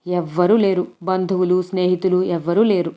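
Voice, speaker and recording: A woman's voice: fairly low pitch, flat delivery, normal speed, mellow, lightly acted. A woman reading the lines of an anxious, proud male writer in a storybook, giving tense, insistent replies.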